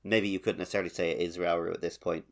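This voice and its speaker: A podcast co-host chats casually about a game, explaining things informally in loose, conversational phrasing. His voice sits low, with a level tone and rapid-fire delivery.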